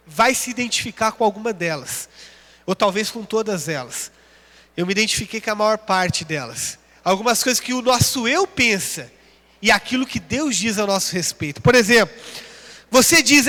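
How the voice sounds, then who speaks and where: A man's voice: sits high, bright, forceful tone. A Brazilian Portuguese-accented man preaching a sermon in a church, building each point with emphatic contrasts and reading out scripture references. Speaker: pastor. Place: large church hall. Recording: long church hall reverb.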